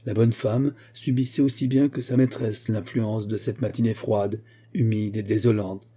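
A man reading a novel aloud as narrator, in a measured, even way. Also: on the low side, slightly rough. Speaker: audiobook narrator. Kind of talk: scripted literary narration.

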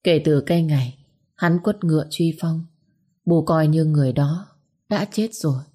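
Woman reading a weary single mother, stern yet loving; low, dark, husky tone. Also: moderate pace. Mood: bitter. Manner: comforting, turns hard when bitter.

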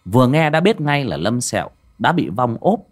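A man narrating an audio ghost story in a dramatic, lively storytelling manner. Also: mid-range voice, normal speed.

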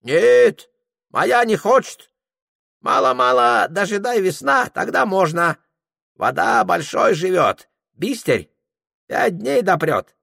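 A high, clipped old hunter. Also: male voice, sing-song, slow pace, creaky, a bit bright, no room sound, studio quality, exaggerated voice. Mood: stubborn, warning. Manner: broken grammar, clipped exclamations. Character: elderly Tungus hunter man, stubborn, fearful.

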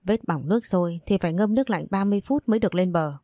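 A woman's voice: lowish voice, dark tone, no room sound, studio quality, close to an everyday voice. A woman voicing a stern, bossy old man. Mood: commanding. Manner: barking brisk orders. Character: stern older man, domineering father figure.

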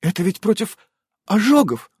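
A man voicing a timid young witch girl who makes quiet, shy excuses. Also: high voice, animated, moderate pace, no room sound, clean studio sound, voice pushed up.

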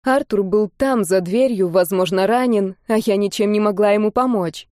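A woman narrating a first-person fantasy audiobook in a steady, expressive reading. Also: medium pitch, normal speed, no room sound, studio quality.

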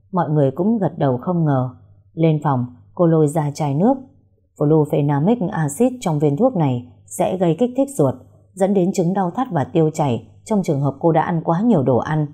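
Low husky woman narrating a story. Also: mellow.

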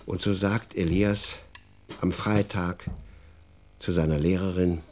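A man narrating a children's radio play in a calm storytelling manner. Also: low-pitched, slow pace, faint music behind. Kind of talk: scripted radio drama narration.

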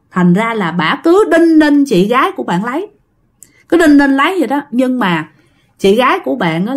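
A woman with a Southern Vietnamese accent telling a ghost story in a chatty way and speaking directly to listeners. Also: on the high side. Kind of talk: casual ghost story narration.

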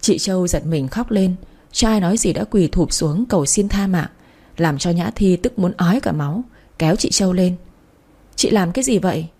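A woman narrating a dramatic story in a steady storytelling manner. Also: on the low side, normal speed.

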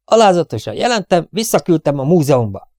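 A man doing an eager young soldier in a storybook reading, his voice lifted well above the narrator's, bright and pushing forward. He answers every question in earnest, dutiful bursts, recorded dry and close. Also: on the high side, big pitch swings, no room sound, pitched above the performer's own voice. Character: eager young male soldier, politely insistent.

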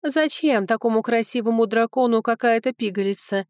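A woman reading an audiobook, voicing a brash, flirtatious village widow who talks loud and indignant. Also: fairly high pitch, fairly quick, no echo, clean studio sound, pitched above the performer's own voice, close to an everyday voice.

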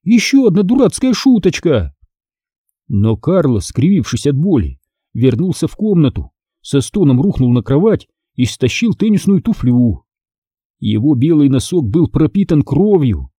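A man narrates a first-person story aloud with expressive storytelling. His voice is very dark and husky, and it moves lively across a wide range. The read is dry and close to the mic. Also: mid-range voice, normal speed, dry recording. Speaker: audiobook narrator.

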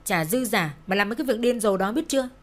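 Shrill sharp-tongued middle-aged mother, woman reader doing her, cruel, screaming insults, high and loud, storybook. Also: expressive, fast talker, close to an everyday voice. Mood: mocking.

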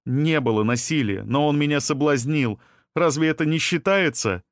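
A man voicing a shrill, defensive young woman suspect who talks back indignantly under questioning. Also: normal speed, no echo, clean studio sound, natural voice.

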